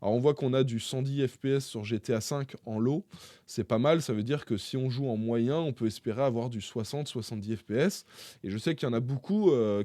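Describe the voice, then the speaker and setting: A man runs through tech news for his viewers in a loose, conversational way. He often stops on fillers and restarts his phrasing. His voice sits at an ordinary mid pitch, recorded close and dry. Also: warm tone, no echo. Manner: chatty, hesitant, frequent filler pauses; addresses viewers directly. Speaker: tech YouTuber. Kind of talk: casual tech news commentary.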